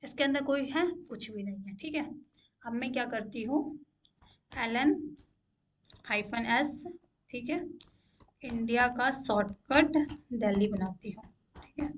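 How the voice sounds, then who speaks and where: High-voiced woman teaching a tech tutorial. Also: a little slow, pauses often. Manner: repeats "ठीक है" to check in, asks questions aloud. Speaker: instructor. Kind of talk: screen-share coding tutorial.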